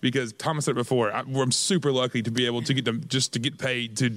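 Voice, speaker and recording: Young male minister, casual rambling chat, mid pitch, dry studio mic. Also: steady tone, fast talker, a bit bright, dry recording. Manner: rambling, self-correcting. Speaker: youth minister.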